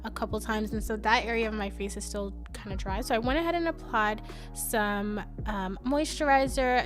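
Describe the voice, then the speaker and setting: A woman's voice: on the high side, a bit bright. Congested young woman chatting through makeup. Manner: chatty, upbeat, many fillers. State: congested, stuffy nose. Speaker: beauty vlogger. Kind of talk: casual makeup tutorial narration. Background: faint background music.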